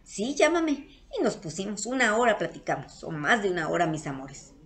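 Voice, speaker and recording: A woman's voice: fairly low pitch, expressive, brisk, fairly bright tone. A woman with a Guatemalan Spanish accent, telling a personal story to her viewers in a casual, earnest way. She often repeats herself and calls her audience her loves. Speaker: vlogger.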